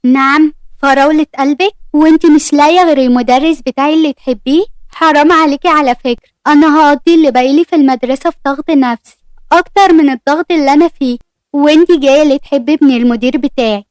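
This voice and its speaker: A woman voicing a flustered, quick-tempered teenage girl, speaking with an Egyptian accent and scolding in a rapid rush. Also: sits high, no room sound, close to an everyday voice. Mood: indignant.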